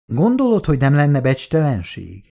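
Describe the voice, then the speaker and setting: A man's voice: on the high side, huge pitch swings, creaky, mellow, full character voice. A reader voicing Laci, a troubled young man unsure about his love, in a storybook reading. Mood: brooding.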